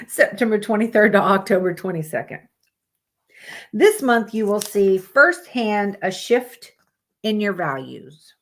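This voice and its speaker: On a live stream, a woman reads the monthly horoscopes in a casual, plain way, cutting in with blunt, swearing asides. Her voice is mid-range and animated, and she takes it slowly with long pauses.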